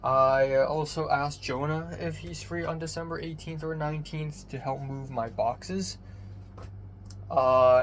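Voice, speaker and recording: A young man rambling through a casual personal vlog, swearing casually, his voice thin with no bass on a phone microphone. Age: young adult. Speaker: vlogger. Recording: thin bassless phone mic, background noise.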